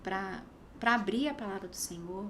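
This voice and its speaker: A woman's voice: medium pitch, lively intonation, moderate pace, a bit bright, a little hiss or hum. A woman in her thirties in a casual faith podcast chat, telling her story animatedly and dropping to a whisper when she quotes scripture. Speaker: podcast guest sharing her testimony.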